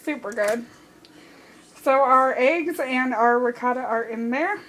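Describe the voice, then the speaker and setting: A woman's voice: sits high, measured pace, fairly bright tone, poor audio. A young woman giving casual step-by-step cooking instructions in a home kitchen, her voice a little worn. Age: young adult. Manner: chatty, step-by-step instructions to viewers. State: losing her voice. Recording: cooking and dish noise in the background.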